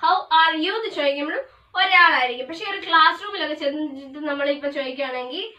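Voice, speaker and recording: High bright-voiced woman teaching grammar. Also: dull audio. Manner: explains in Malayalam with English terms, slows down for definitions. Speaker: English teacher. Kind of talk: classroom grammar lesson. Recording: echoey room, voice from a distance.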